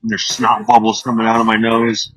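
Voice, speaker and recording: A man's voice: medium pitch, expressive, brisk, creaky, fairly bright tone, no echo, low-quality recording. A man in his thirties hosting a podcast, telling blunt, profane, darkly joking stories in a casual way. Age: 30s. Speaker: podcast host. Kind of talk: casual storytelling.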